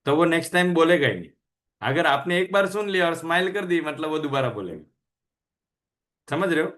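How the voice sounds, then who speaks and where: A man's voice: fairly high pitch, animated, fast talker, a bit bright. A man hosting a health channel, giving a casual motivational talk, chatty and full of rhetorical questions, mixing languages.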